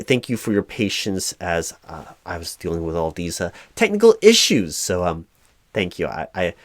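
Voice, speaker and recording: A man plays a frustrated, flustered corporate recruiting manager in a one-sided ASMR roleplay, spoken aloud rather than whispered. He halts, stammers, and sounds officious, his voice sitting low with no echo.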